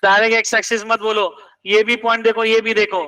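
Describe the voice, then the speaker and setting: A man's voice: high voice, level tone, a little fast, bright, forceful tone, recorded from a distance, rough recording. A man teaching math in a classroom, quizzing students and pressing them to check each step. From India.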